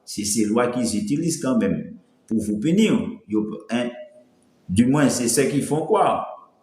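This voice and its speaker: A man's voice: medium pitch, animated, measured pace, a little mellow. Man with a thin voice. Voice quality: voice thin and cracks when pushed. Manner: rambling, greets viewers by name, mixes in Creole. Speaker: livestream host. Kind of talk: casual live-stream talk. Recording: echoey room.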